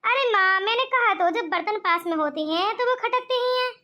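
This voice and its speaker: A gentle young daughter-in-law in a cartoon story, voiced by a woman. She pleads and reassures in an earnest way, her voice very high and bright. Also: normal speed. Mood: reassuring. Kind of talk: cartoon voice acting.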